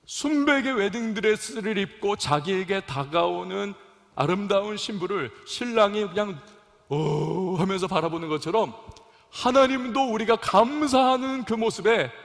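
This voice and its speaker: A young male pastor preaching a sermon in a church, calling out questions to the congregation and swinging between loud emphasis and soft drops. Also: sits high, in a large hall. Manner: preaching with call-and-response to congregation. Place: church sanctuary.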